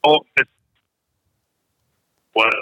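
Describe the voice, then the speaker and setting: A man calling into a radio show from the road, his phone line breaking up as he talks in halting, broken-off phrases. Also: sharp tone, no room sound, studio quality. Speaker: caller. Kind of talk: call-in radio chat. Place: driving over hilly ground.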